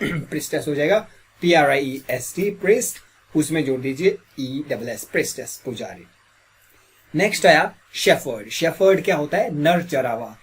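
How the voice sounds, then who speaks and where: A man teaching English grammar as a classroom lesson, quizzing listeners with repeated questions. He has a slightly sore throat and clears it often. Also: fairly high pitch, expressive, moderate pace, slight background noise.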